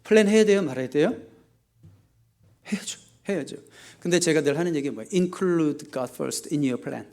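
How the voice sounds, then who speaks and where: A male pastor delivers a Sunday sermon in a voice pitched a little higher than most men. He is animated and rhetorical, putting questions to his listeners, pushing loud on key points and dropping to quiet asides. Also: moderate pace. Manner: asks the congregation rhetorical questions. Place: church service.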